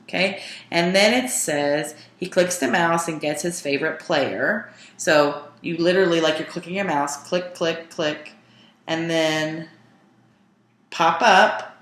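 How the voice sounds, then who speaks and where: A woman's voice: deep voice, measured pace, fairly bright tone, reverberant. A woman teaching a sign language lesson, explaining grammar step by step and glossing example sentences. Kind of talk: casual teaching walkthrough.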